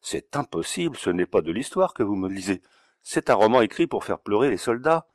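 Fiery young army colonel, as a male narrator reads him, declamatory, lowish voice, dry sound, storybook. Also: very animated, fairly quick, dry recording. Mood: indignant. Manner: declamatory, emphatic.

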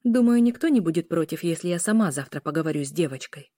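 A woman voicing a gentle, peacemaking she-wolf sister in an audiobook, soft and soothing. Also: on the low side, animated, fast, no echo, studio quality.

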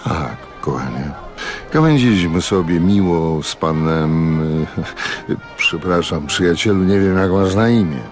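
A man voicing a gentle, indulgent husband with a soothing, patient manner in a radio audiobook reading. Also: low-pitched, expressive, unhurried, faint music behind.

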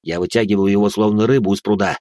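A man with a lowish voice reading a first-person fantasy audiobook, steady and dramatic in delivery. Close, dry, studio-like sound with no room echo. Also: quick pace. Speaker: audiobook narrator.

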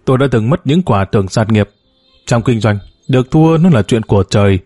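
Man doing a gruff bossy older businessman. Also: mid-range voice, expressive, fairly quick, warm tone, no echo, studio quality, lightly acted.

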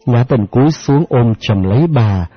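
A man narrating an audiobook in a steady, measured way. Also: mid-range voice, dry recording. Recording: dry, dull lo-fi audio with faint music.

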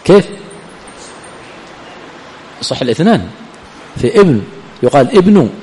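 A man's voice: a little high, big pitch swings, a little slow, mellow. A man teaching a classroom lesson, quizzing his students and then answering his own questions. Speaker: teacher of hadith and grammar. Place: lecture hall of an Islamic study center. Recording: long hall reverb, faint room ambience.

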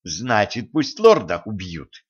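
A male narrator voicing a bold, sharp-tongued young woman who answers with sarcastic retorts. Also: fairly low pitch, wildly swooping pitch, slow pace, husky, muffled recording, full character voice. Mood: snappy.

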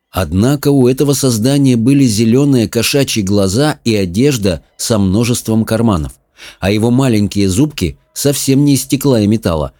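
A man reading an audiobook in an even, measured manner. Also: on the low side, no echo, studio quality. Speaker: narrator. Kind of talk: audiobook narration.

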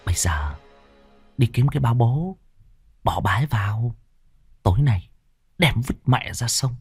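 A man voicing a greedy, sharp-tongued young wife in a ghost story, in a shrill, scornful voice. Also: sing-song, brisk, soft background music, exaggerated voice. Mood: hissed scheming. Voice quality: shrill, piercing. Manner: scornful and cold.

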